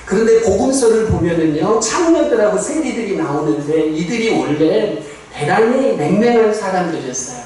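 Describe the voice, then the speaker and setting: A man's voice: high-pitched, expressive, normal speed, hardly any pauses, a little mellow. A man preaching a Sunday sermon as pastor, talking conversationally with rhetorical questions and asides to the congregation. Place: church sanctuary. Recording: echoey, distant church recording.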